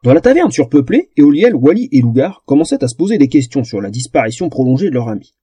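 A man narrating a comic fantasy audiobook in an expressive storytelling manner. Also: medium pitch, quick pace, husky, no echo.

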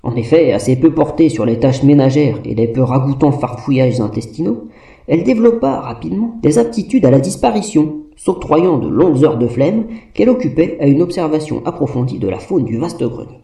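Un homme qui lit à voix haute une fiche de personnage d'un ton pince-sans-rire. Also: male voice, on the high side, expressive, brisk, creaky, warm tone. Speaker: co-narrator. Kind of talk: reading a character sheet. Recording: roomy and distant mic.

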